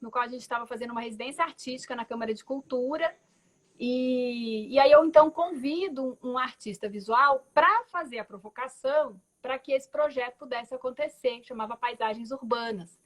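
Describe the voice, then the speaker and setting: High-pitched and fairly quick, a woman in her forties from Belo Horizonte speaks with a Minas Gerais Portuguese accent. She is a guest artist on a video call, thoughtfully recounting her story in a reflective conversational style with frequent tag words and restarts.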